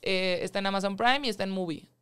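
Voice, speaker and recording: A woman in her thirties with a Mexican accent, a film producer telling her story in a casual interview, animated and acting out the voices of others. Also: medium pitch, quick pace, a crowd in the background. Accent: Mexican Spanish.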